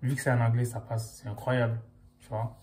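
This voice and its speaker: A man's voice: mid-range voice, level tone, fairly quick, a little mellow. A young man, chatting casually to camera in loose, slangy speech full of fillers. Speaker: vlogger.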